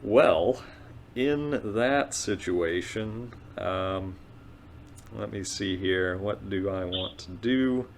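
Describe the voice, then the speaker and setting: A man chatting casually as a player in a tabletop game, thinking aloud in a halting way. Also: fairly low pitch, a little hiss or hum.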